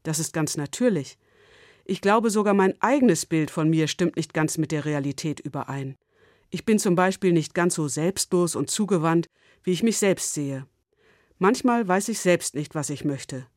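A woman giving a scripted, reflective devotional talk. She tells a story in a calm, measured way and turns quiet and personal when she reflects. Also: low-pitched, dry recording, studio quality. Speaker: speaker of a short devotional.

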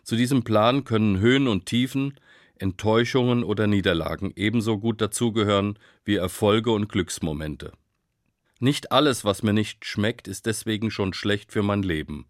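Calm low-voiced man giving a devotional. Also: dry recording, clean studio sound. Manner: calm, measured storytelling. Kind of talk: short radio-style devotional reflection.

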